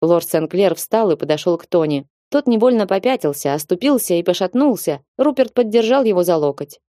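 A woman reading an audiobook aloud in a measured, expressive way. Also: on the low side, no room sound, studio quality. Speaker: narrator. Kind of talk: audiobook narration.

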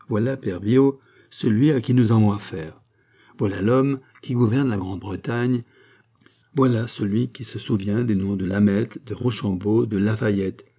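A man voicing a calm, lecturing male doctor in an audiobook, with rhetorical, insistent phrasing. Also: fairly low pitch. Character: male doctor, calm persuasive political thinker. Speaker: character in an audiobook.

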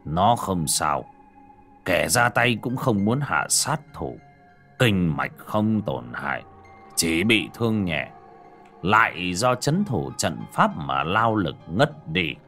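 An old Taoist master in a fantasy audiobook, acted by a male narrator. He speaks very slowly and low, with composed gravity. Every phrase is measured and weighty, over faint background music. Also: very animated, a bit bright, heavily acted. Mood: grave, calm. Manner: slow, measured, sighing, weighty. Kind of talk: audiobook character acting.

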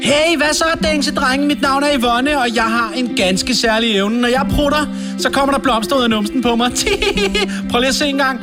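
A man voicing a cheerful, giggly woman who talks in a giddy, excitable way. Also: very high voice, music in the background. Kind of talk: sketch comedy.

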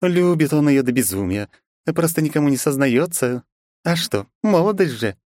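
A man's voice: on the high side, lively intonation, normal speed, darkish tone, dry recording, studio quality, pitched above the performer's own voice, lightly acted. A man voicing a playful young woman who teases in a mocking tone. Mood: teasing. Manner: teasing, mocking.

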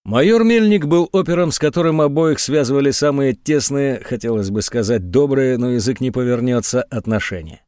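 A man narrating an audiobook in an expressive, ironic storytelling manner on a close mic. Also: mid-range voice, normal speed, few pauses, clean tone, dry recording. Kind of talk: scripted narration.

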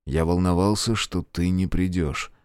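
A man voicing a courteous, demonic gentleman who speaks slowly and solemnly in an audiobook. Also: low-pitched, smooth, no echo, clean studio sound, pitched below the performer's own voice. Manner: slow and solemn. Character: suave demonic male seducer, courteous and solemn.

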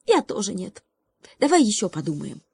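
A woman's voice: medium pitch, very animated, normal speed, vocal fry, darkish tone, slightly rough, no echo, exaggerated voice. A woman voicing a small, eager male froglet who leads his friends in a storybook.

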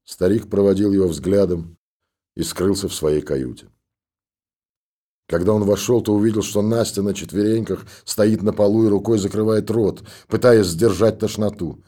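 A man narrating an audiobook in a steady, even reading. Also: fairly low pitch, normal speed.

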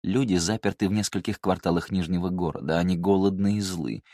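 A man's voice: deep voice, normal speed, no echo, clean studio sound. A man reading the lines of a haughty, scheming woman and mother, speaking in a cold, clipped way with barely held rage. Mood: furious.

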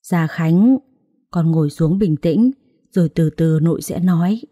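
Woman doing an old matriarch, calm, commanding, low, dry sound. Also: unhurried, dry recording. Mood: authoritative. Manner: calm, authoritative. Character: commanding old grandmother, head of family.

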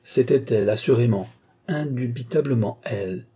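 A man narrating a classic story as an audiobook, in a measured literary reading that voices the dialogue lightly. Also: mid-range voice, mellow, husky.

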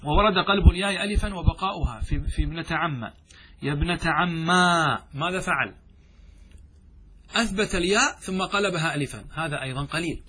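A man teaching a grammar lesson who poses questions to his students and answers them himself, chanting verses slowly. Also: on the high side, animated, bright, forceful tone, husky. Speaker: sheikh teaching Arabic grammar. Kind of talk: classroom lesson explaining verse.

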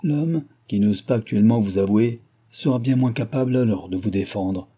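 A man's voice: lowish voice, normal speed, warm tone, husky. A man reading as a stern, grave old advisor. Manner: grave, admonishing.

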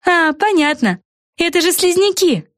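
A clever young witch girl, voiced by a woman reading a storybook, quick to explain what she has figured out. Her high voice sounds knowing and a little scornful, recorded dry and close. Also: animated, fairly bright tone, no room sound, full character voice. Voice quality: high girlish voice.

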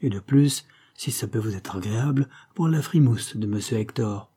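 A man reading an audiobook and voicing a cheeky young male floor washer, who talks in a brisk, slangy, knowing way. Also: fairly low pitch, dark tone, breathy edge. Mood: sly. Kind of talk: audiobook character voice.

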